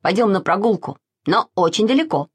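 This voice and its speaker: A woman voicing an impulsive little boy in a storybook reading, eager and quick to take offence. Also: mid-range voice, expressive, slightly rough.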